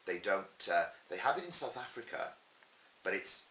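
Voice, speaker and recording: In a lowish, sing-song voice that's bright and forceful, a middle-aged pantomime performer recounts anecdotes at a moderate pace for an interview. His animated delivery is chatty, theatrical and emphatic, captured with roomy echo and faint hiss.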